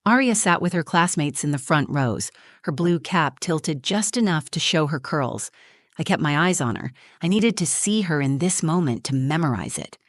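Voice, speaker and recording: A woman in her forties giving a measured, reflective first-person narration of a scripted story. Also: deep voice, expressive, no echo, clean studio sound.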